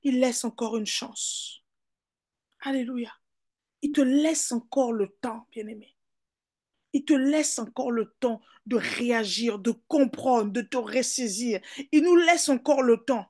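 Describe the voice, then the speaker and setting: Preaching with fervor, this woman pastor with a French accent keeps calling out "hallelujah" and "beloved," moving from forceful high points to gentle asides. She speaks slowly, her pitch fairly high.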